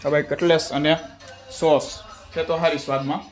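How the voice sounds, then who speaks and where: A man's voice: on the high side, level tone, moderate pace, soft background music, low-quality recording. Playful young man vlogging at home. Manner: playful, teasing banter. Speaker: family vlogger. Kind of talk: casual home vlog chat.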